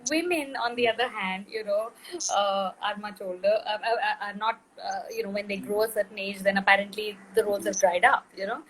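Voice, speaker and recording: A woman's voice: mid-range voice, steady tone, brisk, a bit bright, a little hiss or hum, low-quality recording. A middle-aged woman, a film director being interviewed, speaking thoughtfully with frequent fillers and restarts. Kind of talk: interview conversation.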